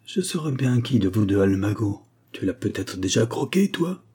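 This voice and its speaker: A man's voice: fairly low pitch, sing-song, normal speed, mellow, slight background noise. A man reading a novel aloud and voicing an insolent, furious young ex-soldier who angrily accuses his family of stealing his money.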